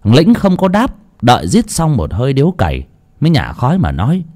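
A man narrating a horror story in an expressive, lilting storytelling manner. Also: mid-range voice, brisk.

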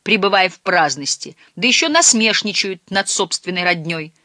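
A reader voicing a short, stout, hot-tempered old fisherman who quarrels and shouts in an audiobook. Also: mid-range voice, lively intonation, moderate pace, dry recording, clean studio sound. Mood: cranky.

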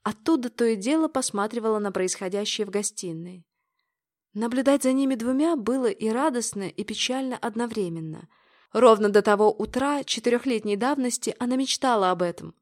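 A woman narrating a romance novel in a measured, subdued reading voice. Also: a little high, a little mellow. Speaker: audiobook narrator.

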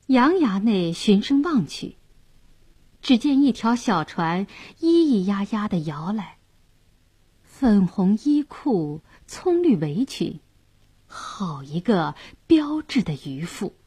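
A woman storyteller narrating a traditional tale. Her pace is slow and unhurried, and her pitch moves in lively arcs. Her voice has a slight husky grain. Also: no echo. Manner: vivid, expressive narration.

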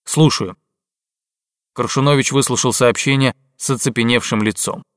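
Male audiobook narrator, mid-pitched, steady and measured, dry close sound. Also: no echo. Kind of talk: scripted narration.

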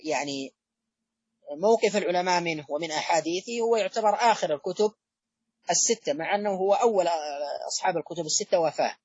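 A male lecturer on hadith studies gives a measured academic talk in a husky, slightly breathy, fairly high voice with a darkish tone. His delivery halts often, with drawn-out fillers and restarted phrases. The recording is close and dry with no room sound, and a bit dull and muffled.

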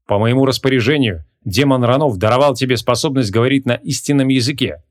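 A man voicing an arrogant, quick-tempered ancient archmage who talks gruffly and scornfully. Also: mid-range voice, close to an everyday voice.

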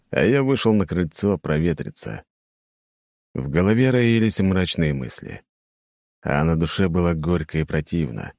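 A man narrating a first-person audiobook in a somber, measured way. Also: low-pitched, a little mellow, no room sound, clean studio sound.

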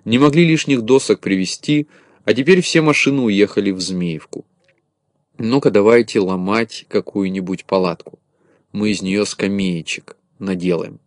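A man voicing a boastful, bossy little shorty who shouts and gets flustered in a storybook reading. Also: lowish voice, normal speed, dry recording, clean studio sound, lightly acted.

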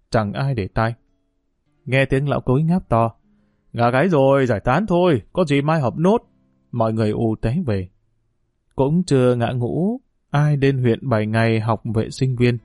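Man narrating a novel, dark-toned voice. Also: mid-range voice, no room sound, studio quality. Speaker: audiobook narrator.

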